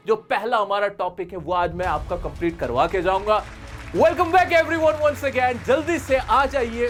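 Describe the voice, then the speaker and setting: A man teaching a spoken English lesson on video, lively and drawing out his English examples slowly for emphasis. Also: very high-pitched.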